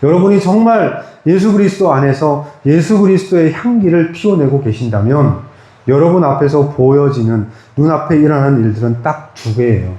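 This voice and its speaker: Korean pastor chatting his sermon at the congregation, warm mellow voice, roomy small church. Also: a little high, lively intonation, moderate pace. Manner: conversational, asks the congregation questions. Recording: echoey church room.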